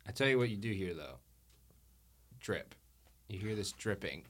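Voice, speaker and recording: A man running a tabletop game podcast as game master, playful and quick to laugh. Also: fairly low pitch, lively intonation.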